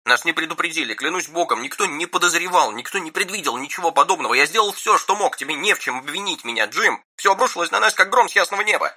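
An actor playing a frantic, gabbling political agent pleading down a phone line. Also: male voice, fairly high pitch, lively intonation, fast, hardly any pauses, bright, forceful tone, exaggerated voice. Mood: panicked pleading.

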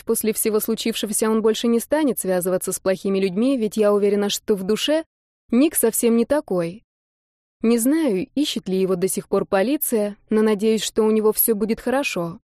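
Brief: female audiobook narrator, warm mellow tone, dry close sound, expressive. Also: medium pitch, dry recording. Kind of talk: first-person audiobook narration.

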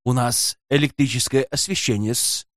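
A man voicing a sly, greedy hotel porter who talks in a folksy, servile, hushed way in an audiobook. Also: mid-range voice, normal speed, no room sound, clean studio sound, close to an everyday voice. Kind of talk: audiobook character voice.

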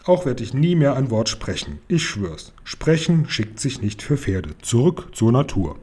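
A man voicing a stubborn male talking horse from a storybook, with slow, drawn-out speech. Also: mid-range voice, big pitch swings, mellow, husky.

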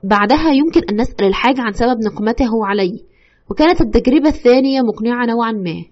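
A woman's voice: a little high, expressive, quick pace, lo-fi sound. A woman playing a terrified haunted widow. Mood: tense. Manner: fearful, urgent, breathless retelling. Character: frightened widow haunted by her husband's ghost. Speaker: storyteller consulting a doctor. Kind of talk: audio horror drama.

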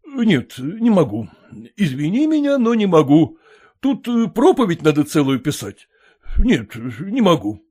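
A man voicing an educated gentleman who firmly and wearily refuses a request. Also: high voice, sing-song, unhurried, slightly rough, voice pushed up, full character voice. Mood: refusing. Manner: refusing, exasperated. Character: educated gentleman, reluctant and firm.

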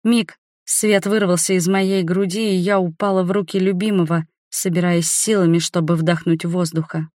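A woman narrating a fantasy novel as an audiobook in the first person, steady and dramatic. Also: on the low side, normal speed, few pauses, dry recording, clean studio sound.

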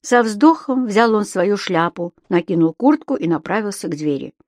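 Woman narrator for a children's book, expressive, close dry sound. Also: medium pitch, moderate pace, dry recording. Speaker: audiobook narrator. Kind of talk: scripted storybook narration.

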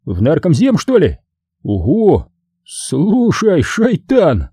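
A man's voice: a little high, wildly swooping pitch, slow pace, dark tone, husky, no echo, clean studio sound, pitched above the performer's own voice, exaggerated voice. A man voicing a cheeky, easygoing young sailor who talks in a teasing, playful way.

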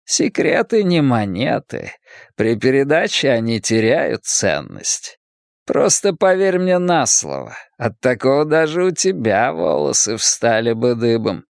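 A man voicing a cold, calculating young male gang leader who speaks slowly and with quiet menace. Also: medium pitch, big pitch swings, creaky, no room sound, studio quality. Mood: coolly menacing. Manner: slow, measured, quietly menacing.

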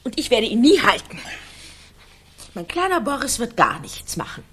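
An actress playing a volatile, mocking wife in a radio play, with a theatrical, taunting way of speaking. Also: female voice, on the high side, big pitch swings, normal speed, fairly bright tone, a little hiss or hum. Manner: theatrical, taunting, emotional outbursts. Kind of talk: 1990 radio play acting.

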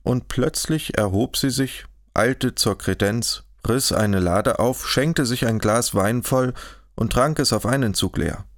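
A man narrating a historical novel in an audiobook, in a measured, even storytelling manner, close to the mic. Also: medium pitch, no echo. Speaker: audiobook reader. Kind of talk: scripted narration.

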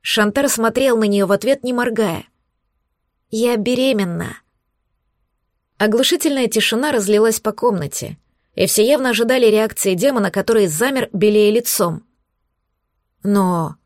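A woman narrating a novel in the first person, in an even, attentive storytelling manner. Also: on the high side, fairly quick, no room sound, studio quality. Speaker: audiobook narrator.

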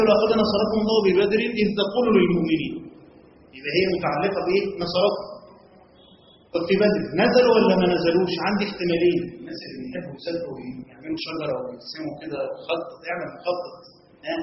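Egyptian male teacher, brisk questioning delivery in a long-reverb room. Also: high-pitched, a little hiss or hum. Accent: Egyptian Arabic. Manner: quizzes students, frequent check-in questions. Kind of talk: classroom lesson. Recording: echoey hall, dull lo-fi sound.

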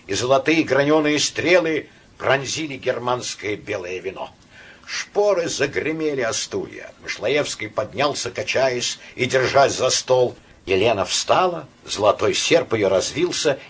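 A man narrating a novel as an expressive audiobook reader. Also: mid-range voice, measured pace, husky. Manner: dramatic, varied reading.

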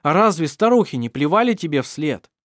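A bold young man presses his case in urgent, forceful speech, as an audiobook narrator voices him, pitched somewhat higher than the narration. The sound is dry and close to the mic. He comes across as fierce and persuasive. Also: sing-song, brisk, no echo.

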